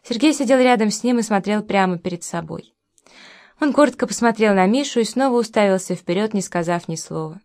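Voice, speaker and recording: A woman reading a novel aloud as an audiobook narrator, in a calm, even way. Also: mid-range voice, brisk.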